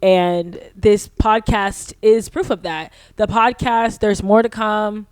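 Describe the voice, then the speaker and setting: A young woman guest on a podcast, chatting casually in an animated, gushing way and leaning on "like". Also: mid-range voice, slow, clear, resonant tone, no room sound. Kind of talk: casual chat.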